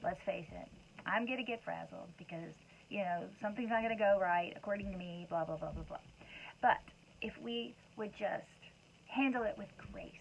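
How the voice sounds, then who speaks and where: A woman's voice: medium pitch, moderate pace, vocal fry. A woman and mother speaking in a casual, rambling motivational talk full of conversational asides. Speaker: wellness talk host. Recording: dull lo-fi sound with faint background noise.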